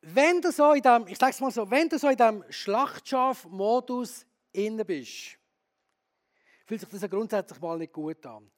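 High-voiced preacher. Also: male voice, measured pace. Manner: lively, candid, asks the audience questions. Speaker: pastor. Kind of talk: sermon.

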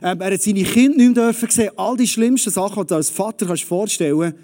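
A man preaching a lively, conversational sermon straight to the audience. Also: sits high, quick pace.

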